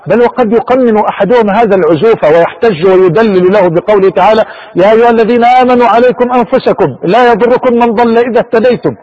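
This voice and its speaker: A man's voice: sits high, fast talker, dull audio. A man preaching a sermon with impassioned delivery and rhetorical questions.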